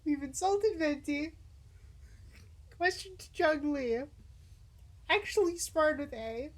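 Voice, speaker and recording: A woman's voice: high voice, slow pace. A woman game streamer giving casual livestream commentary as she plays. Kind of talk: casual livestream gaming commentary, reading dialogue aloud.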